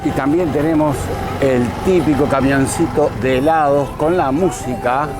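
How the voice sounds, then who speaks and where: Guy doing a chatty travel vlog walking around a city, music playing loud under him. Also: fairly high pitch, a little slow. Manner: chatty, enthusiastic tour-guide explaining. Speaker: travel vlogger. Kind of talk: casual travel vlog narration. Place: outdoors in a busy city.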